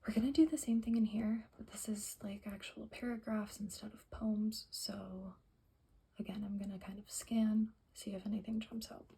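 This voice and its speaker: A woman whispering softly in an ASMR style, reading aloud and rambling with self-correcting asides. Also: medium pitch, steady tone, moderate pace, husky. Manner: whispering and very soft-spoken. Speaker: ASMR creator. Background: faint music playing for plants, background hiss.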